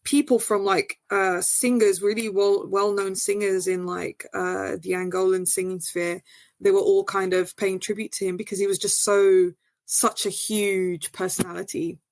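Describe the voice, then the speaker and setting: A Portuguese woman appears as a guest novelist in a casual interview, talking in a chatty, hesitant way with many fillers and restarts. Her voice rises high and animated when she answers. She speaks at a moderate pace, and there's no room sound.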